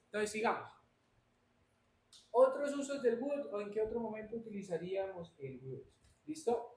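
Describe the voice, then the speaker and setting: A man's voice: high-pitched, darkish tone. A man teaching an English class live online, answering students by name and switching between Spanish and English. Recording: roomy echo, faint noise.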